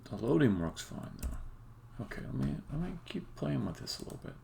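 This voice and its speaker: Streaming live coding as a game developer, a man speaks bluntly and casually in unscripted, occasionally sweary fragments while thinking aloud. His mid-range voice is gravelly and mellow with big pitch swings at normal speed, over faint background noise and keyboard clicks.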